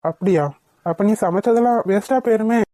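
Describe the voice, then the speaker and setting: A woman's voice: mid-range voice, brisk, mellow, no echo, close to an everyday voice. A woman voicing a young husband in a cartoon, who talks to his wife in a coaxing, reassuring way. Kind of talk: cartoon voice acting.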